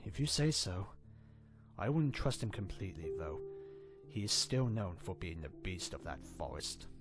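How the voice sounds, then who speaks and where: A man voicing a caring, slightly sly young unicorn prince in an animated fan drama, casual and a little hesitant. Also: sits low, moderate pace, music in the background. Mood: worried.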